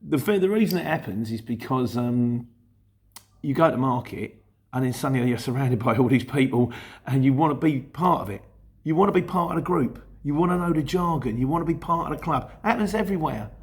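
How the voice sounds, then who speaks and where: Here a middle-aged Luton man, who works as a courier driver and hosts a YouTube channel, talks a little fast in an expressive, mid-range voice. His accent is Cockney-influenced London, and he chats and rambles in a vlog, explaining things and frequently correcting himself.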